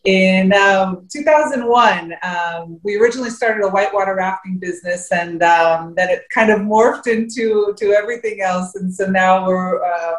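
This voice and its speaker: A woman's voice: mid-range voice, normal speed, few pauses. A woman from California who runs a tour business, answering interview questions in a chatty way with many ums. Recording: echoey room.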